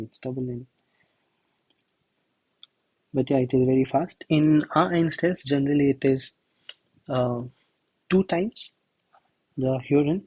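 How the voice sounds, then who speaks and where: Non-native male tutor, slow deliberate delivery, dry recording. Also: mid-range voice, darkish tone, breathy edge, no echo, low-quality recording. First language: not German. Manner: slow, thinking aloud while writing answers. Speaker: language tutor. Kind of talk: self-study lesson walkthrough.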